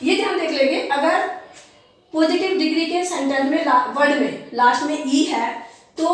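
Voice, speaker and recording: High-voiced woman teaching in an echoey room. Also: far from the mic. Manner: explains slowly, repeats example words. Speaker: English teacher. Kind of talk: classroom grammar lesson.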